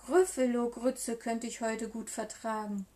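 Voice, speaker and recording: A woman's voice: a little high, steady tone, measured pace, dark tone, close to an everyday voice. A woman voicing a small, clever, boastful mouse in a children's storybook reading. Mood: cheeky.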